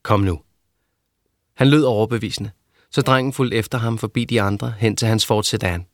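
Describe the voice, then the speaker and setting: A man narrating a novel in a steady, even reading voice. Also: fairly low pitch, no room sound, studio quality. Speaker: audiobook narrator. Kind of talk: scripted narration.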